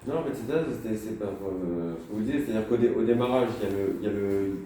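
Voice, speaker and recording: A man's voice: fairly low pitch, quick pace, warm tone, slight background noise. A man attending a Torah class who gives his own take on the teacher's point, hesitating and restarting his sentences. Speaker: student at the class. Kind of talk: asking questions and offering views in class. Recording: distant voice in an echoey room.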